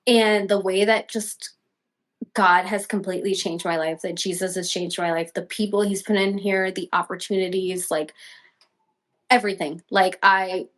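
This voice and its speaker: A young woman guest telling a personal story, acting out her own quotes with big leaps in pitch. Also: fairly even intonation, normal speed. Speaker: podcast guest.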